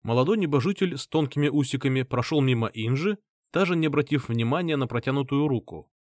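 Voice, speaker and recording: A man's voice: fast talker, no echo, studio quality. A man narrating an audiobook, reading the story and voicing each character in turn. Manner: lively, voices each character with shifts in pitch.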